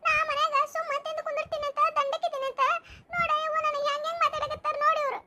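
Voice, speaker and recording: Woman doing a whiny spoiled daughter, super high north karnataka voice, self-pitying. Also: little pitch movement, rapid-fire, sharp tone. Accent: North Karnataka Kannada. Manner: whining, self-pitying complaints. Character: whiny grown daughter of the house.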